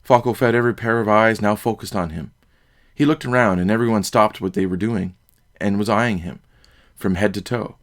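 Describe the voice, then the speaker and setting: A man narrating a solo tabletop fantasy game in steady, descriptive storytelling. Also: on the low side, normal speed.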